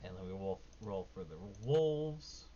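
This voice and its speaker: A man with a lowish voice acts as game master. He narrates and rules casually and informally. The recording is dull, with faint noise behind him. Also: animated, measured pace, mellow. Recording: dull lo-fi mic, background noise.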